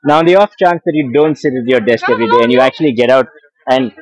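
A man's voice: medium pitch, fast, soft background music. A man talking casually while walking, recorded through a wireless earbud mic in a busy public place. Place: busy outdoor market and traffic tunnel. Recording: muffled earbud mic with street noise.

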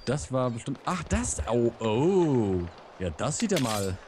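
A man's voice: mid-range voice, very animated, slow, a little mellow, slight background noise. A man playing a co-op video game with a friend, joking playfully and tripping over his words. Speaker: let's play gamer. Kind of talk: casual co-op gaming chat.

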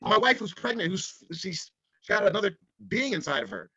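A man's voice: high-pitched, lively intonation, brisk, gravelly, bright, forceful tone, no room sound, dull audio. A man in a casual group chat, telling stories earnestly and emotionally. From United States. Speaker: podcast panelist.

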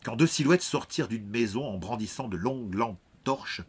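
A man reading an audiobook in measured, dramatic scripted narration. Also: mid-range voice, animated, slightly rough.

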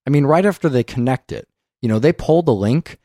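A man co-hosting a casual film podcast, talking animatedly, swearing often and acting out scenes in quick voices. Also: medium pitch, animated, dark tone, dry recording, clean studio sound. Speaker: podcast co-host.

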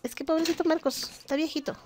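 A woman's voice: high-pitched, fairly even intonation, quick pace, a little mellow, a little hiss or hum. A young woman giving casual, chatty gameplay commentary, joking with and scolding the game's characters. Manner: chatty, exasperated, jokes with game characters. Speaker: gaming vlogger.

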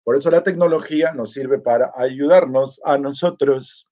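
A vlogger hosting a live chat contest speaks at medium pitch and normal speed, his warm tone slightly dulled by cut-off highs. On the live stream he casually reads out viewer greetings and comments and answers them, chatty and easygoing.

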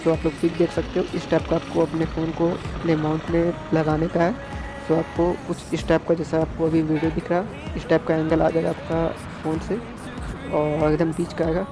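A young man from India, a moto vlogger, narrates casually from a scooter in road traffic, recorded outdoors on a phone on his helmet's chin mount. He's chatty, rambling, and repeats himself. His voice is a little high, with a completely flat delivery at a moderate pace, heard over music.

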